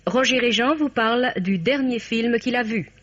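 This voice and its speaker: A woman's voice: a little high, normal speed, fairly bright tone. A woman formally announcing a programme and its credits in the scripted style of 1950s French radio. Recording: dull vintage radio recording. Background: music.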